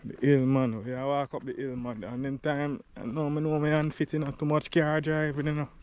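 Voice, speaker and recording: A man's voice: fairly high pitch, level tone, brisk, a little mellow, clear, resonant tone. A Jamaican man vlogging outdoors in casual patois as he walks up a rural hill, out of breath. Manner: chatty patois, talking to camera while walking uphill. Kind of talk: casual walking vlog.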